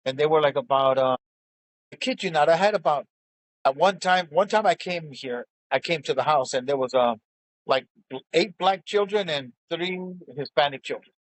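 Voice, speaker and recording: A man's voice: a little high, moderate pace, dry recording, rough recording. A middle-aged man in casual chat, telling stories bluntly and swearing freely. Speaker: show co-host.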